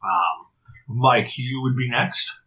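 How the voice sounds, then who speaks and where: A man running a tabletop game as game master, describing the scene with halting, filler-laden narration. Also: medium pitch, pushed and bright, rough recording.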